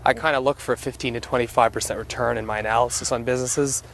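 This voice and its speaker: A man's voice: medium pitch, fairly even intonation, fast talker, vocal fry. A man in casual conversation, speaking as an investor on a site visit. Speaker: investor asking questions. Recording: loud vehicle noise on location.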